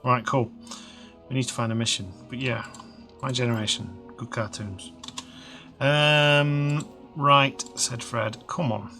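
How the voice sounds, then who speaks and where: A man in his thirties, slightly hoarse, rambling casually with lots of fillers while commentating a video game. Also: medium pitch, steady tone, normal speed, over music. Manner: rambling, chatty, many fillers and restarts. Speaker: game let's-play host.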